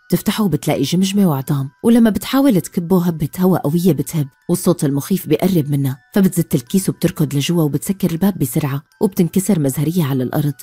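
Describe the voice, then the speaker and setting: A woman with a Levantine Arabic accent narrating a film recap in a brisk, even storytelling style. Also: low voice, husky, dry recording.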